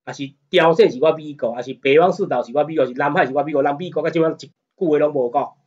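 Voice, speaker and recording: A man's voice: a little high, fast talker, a little mellow, slightly rough, highs cut off. A man with a Taiwanese accent giving a casual law lecture, often checking whether listeners follow and growing emphatic as he argues. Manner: conversational, often asks "you know what I mean?"; grows heated and emphatic when arguing. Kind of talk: casual lecture in Taiwanese Hokkien mixed with Mandarin.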